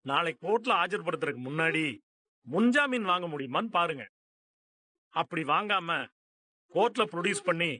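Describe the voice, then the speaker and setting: An actor dubbing an earnest, sympathetic police constable in a TV serial who advises a worried family. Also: male voice, sits high, pushed and bright, dry recording. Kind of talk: dubbed TV serial dialogue.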